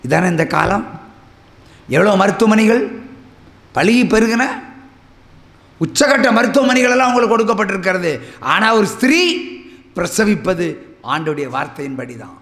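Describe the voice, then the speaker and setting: A middle-aged man preaches with a gravelly, bright voice pitched a little high. He swings dramatically between loud exclamations and low murmurs while telling a personal story. His voice rings out in a hall with long reverb. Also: lively intonation, moderate pace, pauses often. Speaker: pastor.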